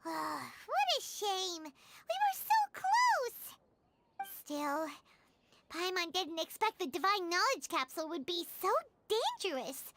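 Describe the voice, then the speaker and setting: A woman playing a tiny, excitable, childlike fairy companion in a video game, chatty and squeaky. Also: takes it slowly, a little hiss or hum, full character voice. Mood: chatty, regretful. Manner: exclamatory, chatty, speaks of herself in third person.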